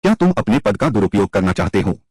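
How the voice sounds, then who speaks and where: A man's voice: fairly low pitch, sing-song, fast, darkish tone, slightly rough, no echo, soft background music. A man reading all the parts of a dubbed drama in one voice, switching between scornful taunts and pleading.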